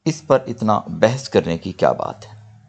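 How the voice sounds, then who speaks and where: An older man teaching English grammar, saying example sentences slowly and deliberately. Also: lowish voice, lively intonation, creaky, slightly rough. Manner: slow deliberate model sentences, explanatory. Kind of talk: spoken grammar lesson.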